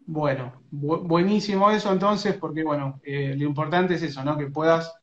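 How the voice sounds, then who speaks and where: A man with a fairly high pitch and moderate pace, speaking in an Argentine Rioplatense accent, works as a sports radio interviewer chatting with a young footballer over a phone live stream. Fillers and restarts make him sound hesitant. Muffled, roomy phone audio comes from a front camera in a small room indoors.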